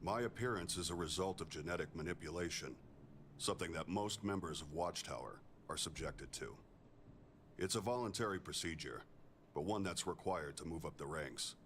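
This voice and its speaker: An actor playing a composed augmented male ex-soldier engineer in a video game, speaking in a measured, plainspoken way. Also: low voice, fairly bright tone, slight background noise. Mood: calm. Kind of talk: video game character dialogue.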